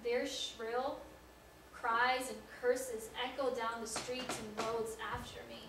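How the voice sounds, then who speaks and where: Guilt-ridden apostle acted by a woman on a church stage, highish voice, big hall echo, mic far off. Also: flat delivery, takes it slowly. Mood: fearful. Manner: earnest, building to pleading cries. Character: remorseful male apostle, ashamed and anguished. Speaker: church drama actor. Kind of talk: dramatic stage monologue. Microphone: far room mic. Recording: very echoey hall, distant mic, noisy.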